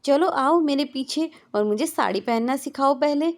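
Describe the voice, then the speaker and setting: A woman's voice: high voice, normal speed, voice pushed up. A woman doing a chirpy cheeky young bride. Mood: teasing. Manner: chirpy, playful, exclaiming.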